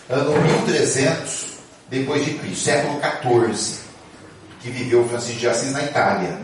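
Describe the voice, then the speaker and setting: A man telling a religious story to an audience in a lively, chatty way, with asides to the listeners, recorded by a distant mic in a large hall. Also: mid-range voice, slight background noise. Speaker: speaker. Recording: echoey hall from far off.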